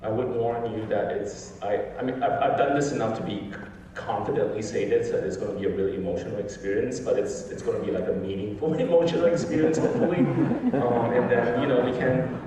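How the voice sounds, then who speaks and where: A man's voice: medium pitch, fairly quick, warm tone, a little hiss or hum. A man from Malaysia, a film director, giving improvised, hesitant remarks with many fillers on a theatre stage. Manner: hesitant, many fillers and restarts, laughing now and then. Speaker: film director introducing his film. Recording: echoey hall recorded from far off. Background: audience in the hall.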